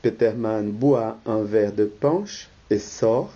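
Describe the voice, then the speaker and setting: A reader of all the roles, calmly reading the stage directions in a rehearsal read-through of a play. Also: mid-range voice, slow, breathy edge, lo-fi sound.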